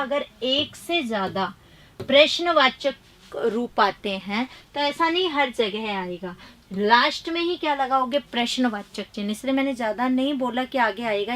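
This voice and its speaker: High-voiced woman teaching grammar briskly. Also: fairly bright tone. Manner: brisk quizzing, reading options and answers aloud; chiding, emphatic. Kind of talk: live online exam-prep class.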